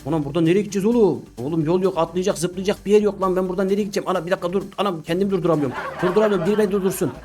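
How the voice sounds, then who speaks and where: A man commentating a video game, often exclaiming, yelling and laughing. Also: high voice, very fast, hardly any pauses. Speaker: gaming YouTuber. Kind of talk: excited gameplay commentary.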